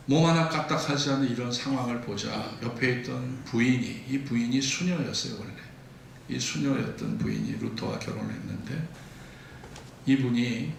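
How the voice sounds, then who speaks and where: A man's voice: mid-range voice, vocal fry, a little hiss or hum. A male pastor preaching a sermon, retelling stories vividly in a church sanctuary. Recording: echoey church hall, distant mic.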